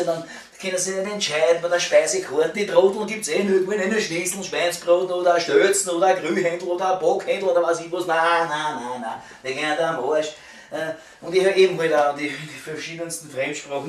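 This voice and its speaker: A middle-aged man with a fairly high voice and a Viennese accent grumbles like a fed-up waiter. He rambles and swears, repeating words as he gets worked up. The sound is roomy, picked up a little away from the mic. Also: steady tone, fairly quick. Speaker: waiter venting about the job. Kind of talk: casual rambling vlog rant. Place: at home, indoors. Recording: roomy echo, distant mic, clicks and noise.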